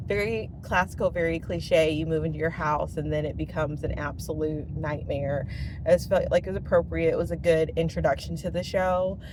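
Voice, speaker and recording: A young woman talks in a relaxed, gushing vlog style, pausing often on "um." Her voice sits unusually low for a woman, with a faint background hiss. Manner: enthusiastic, chatty, with frequent "um" pauses. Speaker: vlogger reviewing a TV series. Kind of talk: casual chat.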